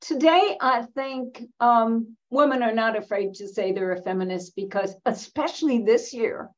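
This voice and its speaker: An American woman in her seventies or older, a veteran feminist activist, speaks as an interview guest with a somewhat high voice. She is reflective, emphatic and deliberate, pausing mid-sentence, and the recording sounds slightly dull.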